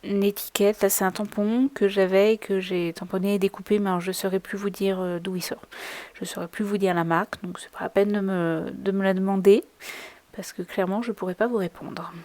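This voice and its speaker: A woman casually explaining her crafting as she works, with many pauses, fillers and restarts. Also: mid-range voice, steady tone, darkish tone, no echo. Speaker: crafting vlogger. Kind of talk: casual tutorial narration while crafting. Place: at a craft table indoors.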